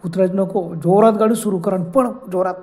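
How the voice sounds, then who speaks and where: A man's voice: high-pitched, steady tone, fairly quick, darkish tone. A man voicing a frightened rural young man urgently telling his friend to flee. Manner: urgent, anxious commands.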